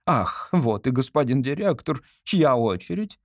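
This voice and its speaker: Male reader as a giddy old woman playing a young stage actress, high and breathless, lively swoops. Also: measured pace, no echo, studio quality. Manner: high, excited, breathless girlish exclamations.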